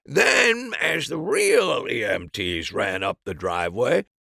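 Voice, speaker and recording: A man's voice: medium pitch, expressive, slow pace, gravelly, bright, forceful tone, no echo, clean studio sound, heavily acted. A man voicing an emphatic amateur sleuth explaining a crime in a mystery story.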